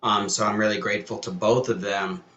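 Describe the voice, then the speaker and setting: Guy moderating a panel, kinda low voice but sharp and bright, tons of ums, echoey room. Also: fairly even intonation, a little fast, lo-fi sound. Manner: warm praise, hesitant, many "um"s. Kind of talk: panel discussion.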